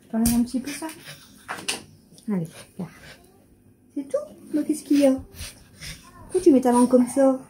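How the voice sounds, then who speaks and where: A woman's high voice comes through a noisy background as she vlogs at home about her shopping at a normal speed, pausing often. She chats, unboxes and reads off items, then coos at her pets in a sing-song way.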